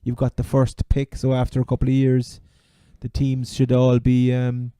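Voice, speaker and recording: Cork irish bloke co-hosting casual sports talk, very mellow medium-pitched voice, no room sound. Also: male voice, monotone, normal speed, clear, resonant tone, dry recording. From Ireland. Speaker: sports podcast co-host.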